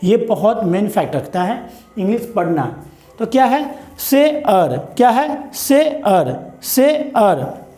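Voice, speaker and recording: A man teaching English pronunciation in a spoken lesson, with an Indian accent, who stretches words out slowly and keeps asking "what is it?". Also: sits high, sing-song, mellow, reverberant. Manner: repeats words slowly and drawn out, asks "what is it?".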